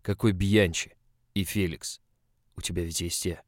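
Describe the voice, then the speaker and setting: A domineering, possessive boss who growls his orders in short, stern lines, voiced by a man reading a story. His voice sits low. The recording is dry and close, with no room sound. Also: fairly even intonation, measured pace, dry recording.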